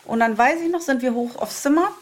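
Fast-talking woman telling a story. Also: sits high. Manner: animated storyteller acting out her own thoughts. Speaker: podcast guest telling her love story. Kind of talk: casual chat.

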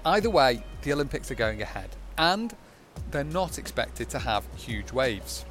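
A man's voice: medium pitch, big pitch swings, normal speed, a bit bright, faint music behind. A man giving polished, scripted narration for a sports feature.

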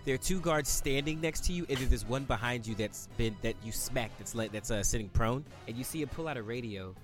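A man's voice: medium pitch, brisk, over music. A young man running a tabletop role-playing game as game master, playful and laughing often.

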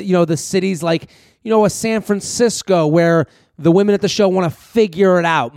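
A man's voice: high-pitched, darkish tone, smooth, no room sound, clean studio sound. A man hosting a solo podcast in a casual, rambling monologue, talking straight to his listeners like a comedian. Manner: rambling, conversational, addresses listeners directly.

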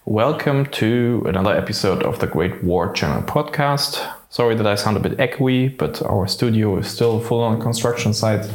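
Male co-host, non-native English speaker, relaxed and chatty, slightly low voice, recorded with a strong roomy echo. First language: not English. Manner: relaxed, chatty, loose phrasing with self-corrections. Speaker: podcast co-host. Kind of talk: casual podcast intro. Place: unfinished studio under construction. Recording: echoey, roomy studio sound.

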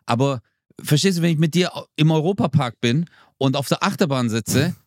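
A man's voice: on the high side, normal speed, no room sound, clean studio sound. A man co-hosting a podcast in casual chat, laid-back and slangy, acting out quoted lines as he talks. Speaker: podcast co-host.

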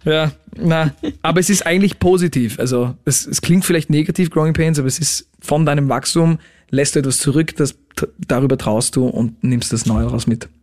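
A man's voice: a little high, brisk, darkish tone. A man, a pop musician talking casually in an interview and mixing English words into his speech. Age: late 20s.

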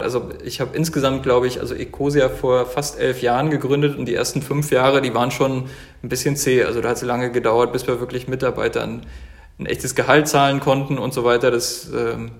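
Man, 30s, from Germany, interview guest, earnest, halting, mid pitch. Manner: earnest, full of fillers and restarts. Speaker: guest, company founder. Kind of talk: casual interview talk.

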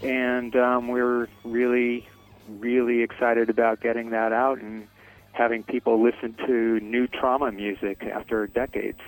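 In a rough recording with soft background music, a middle-aged man who sings for a metal band fields interview questions casually. His medium-pitched, flat delivery is unhurried, halting, and peppered with fillers and restarts.

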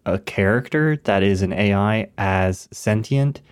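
Deep-voiced man reflecting on a film. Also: a little slow, smooth. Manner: reflective, thinks aloud with restarts. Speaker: podcast co-host. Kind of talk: casual film discussion.

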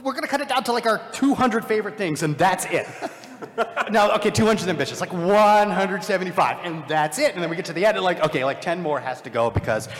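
On a live convention panel, a filmmaker rambles in a self-deprecating way, peppering his talk with fillers. His voice sits high and fairly bright, a little fast with lively intonation, and the hall adds long reverb.

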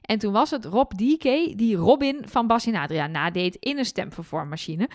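A woman from Twente, chatting as a podcast co-host and quick to agree. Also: medium pitch, lively intonation, no echo, clean studio sound. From Twente, Netherlands. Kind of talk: casual chat.

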